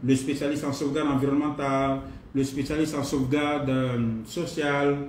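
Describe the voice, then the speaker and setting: French-speaking trainer with an unhurried manner. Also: male voice, mid-range voice, little pitch movement. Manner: unhurried, repeats himself, many pauses and fillers. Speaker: online course trainer. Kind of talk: live online class, greeting participants. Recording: roomy distant mic, faint noise.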